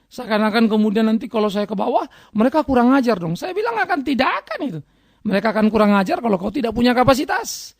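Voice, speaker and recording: A man's voice: very high voice, sing-song, quick pace, vocal fry, dry recording, clean studio sound. A man preaching a sermon emphatically, asking rhetorical questions and addressing listeners as brothers and sisters. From Indonesia. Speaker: pastor.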